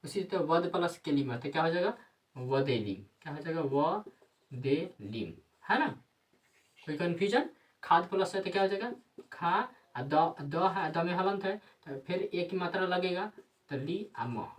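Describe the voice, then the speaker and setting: A woman's voice: fairly low pitch, expressive, moderate pace, far from the mic. A woman teacher gives a grammar lesson. She keeps asking questions and answering them herself, with frequent tag questions.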